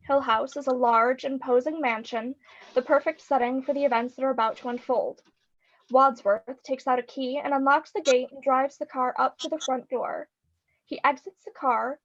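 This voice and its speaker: A woman reading the stage directions aloud in a live script reading over a video call, in a steady descriptive manner. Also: sits high, lo-fi sound.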